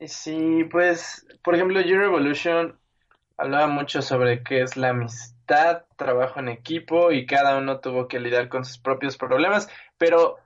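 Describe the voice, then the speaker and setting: Relaxed man on a dull mic. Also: a little high, normal speed. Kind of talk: casual chat about anime.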